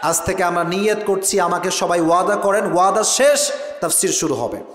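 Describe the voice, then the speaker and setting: Preacher, male, high voice, animated waz storytelling, roomy reverb from a PA. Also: moderate pace. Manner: animated storytelling, acts out voices, calls on the youth. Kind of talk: Bengali waz sermon. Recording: echoey hall with long reverb.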